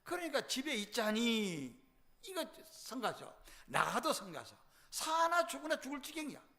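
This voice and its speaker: High, animated Korean male preacher. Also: moderate pace. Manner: dramatic storytelling, acting out voices, swings between loud and hushed. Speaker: pastor. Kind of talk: revival sermon.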